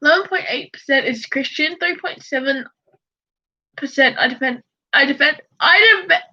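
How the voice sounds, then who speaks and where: High bright young woman. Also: normal speed. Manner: stumbles over words, swears, loud outbursts. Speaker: vlogger. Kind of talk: casual chat, reading facts aloud. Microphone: computer mic. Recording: dull lo-fi home recording.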